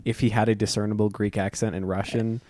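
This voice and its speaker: A man co-hosting a movie podcast in casual chat, goofy and jokey, quick to laugh. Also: lowish voice, flat delivery, dark tone. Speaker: podcast co-host.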